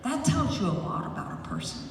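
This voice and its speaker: A woman's voice: mid-range voice, very animated, a little fast, gravelly. Lady telling stories at a rally over the pa, echoes all over, far off, crowd murmur behind. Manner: rambling storyteller who grows loud and rousing, leads chants. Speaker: rally warm-up speaker. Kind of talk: personal anecdotes in a political rally speech. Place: outdoor campaign rally. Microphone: public address system picked up from a distance. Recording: echoey, distant rally sound with crowd noise.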